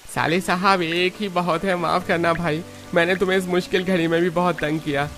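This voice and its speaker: A man voicing a humble brother-in-law who apologizes quietly. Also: high voice, little pitch movement, normal speed, soft background music. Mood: remorseful.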